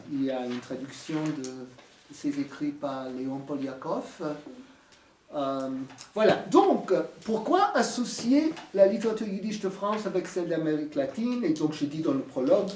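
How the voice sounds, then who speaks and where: A man's voice: fairly high pitch, animated, unhurried, darkish tone, slight background noise. Hesitant man with an American accent. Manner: hesitant, many fillers and restarts. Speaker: author presenting his book. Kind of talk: halting lecture talk. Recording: echoey room from far off.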